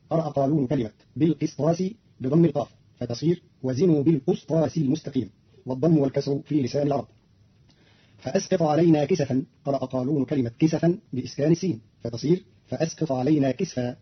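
A man, a radio presenter, giving a formal scripted explanation of recitation variants in a measured announcer manner, on an archival radio recording. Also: medium pitch, husky, highs cut off.

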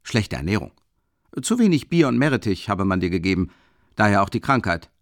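A man voicing a boisterous young male student in an audiobook, booming and exclaiming. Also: big pitch swings, fairly quick, no echo, studio quality. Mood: hearty, boisterous. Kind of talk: audiobook character reading.

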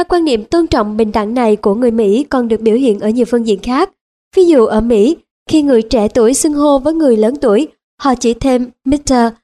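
A woman narrating an audiobook in a calm, measured read. Her pitch sits somewhat high. Her tone is soft and mellow, with no edge. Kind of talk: scripted narration.

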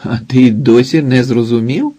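A man's voice: mid-range voice, normal speed, warm tone, breathy edge, natural voice. A man voicing a stubborn young red-haired woman, a witch who keeps insisting, in an audiobook. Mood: insistent. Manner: urgent, pushy.

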